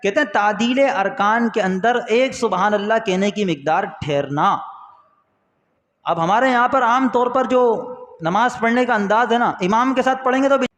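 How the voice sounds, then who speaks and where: A man's voice: high voice, a bit bright. A man with a Pakistani Urdu accent teaching a religious lesson, who asks and answers his own questions and acts out short exchanges with a questioner. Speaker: Islamic teacher. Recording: echoey hall with long reverb.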